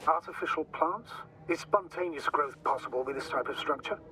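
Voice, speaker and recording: A calm male navigator in a game, bright-toned, distant radio voice with faint hiss. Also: on the high side, fairly quick. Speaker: ship's astrogator on the radio. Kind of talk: game voice acting.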